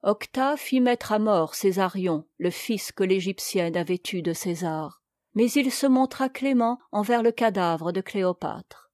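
A woman narrating a historical story in a measured, formal, literary manner. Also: mid-range voice, animated, darkish tone, no echo, clean studio sound.

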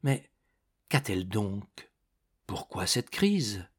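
A man voicing a troubled middle-aged painter who speaks gently and hesitantly. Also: medium pitch, sing-song, slow pace.

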